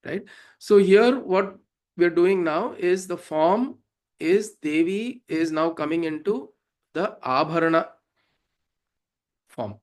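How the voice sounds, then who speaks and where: A man's voice: sits high, expressive, slow pace, long pauses. A man with a South Indian accent explaining devotional verses as a teacher, in an informal, didactic way with frequent check-in questions. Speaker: teacher of Sanskrit devotional hymns.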